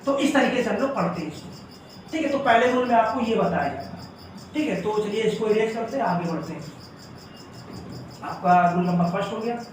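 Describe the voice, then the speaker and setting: A man's voice: high-pitched, animated, fairly quick, long pauses, a little hiss or hum. A man teaching a grammar lesson in a classroom style, explaining step by step and often checking in with the class. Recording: echoey room, voice from far off.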